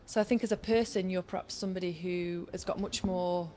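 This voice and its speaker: This Yorkshire woman in her thirties, formerly on Olympic organising staff, answers interview questions earnestly, offering advice in a steady flow. Her voice is fairly low and a little fast, with slight background noise.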